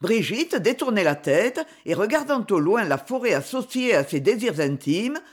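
A woman narrating a classic novel aloud in a measured, expressive storytelling manner. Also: medium pitch, husky. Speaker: audiobook narrator. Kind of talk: scripted narration.

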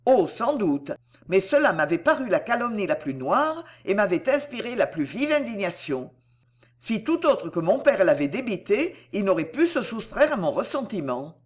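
A woman reading the part of a proud, passionate young gentleman suitor in a storybook, with formal, agitated declamation. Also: medium pitch, big pitch swings, moderate pace. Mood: indignant. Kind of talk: audiobook character reading.

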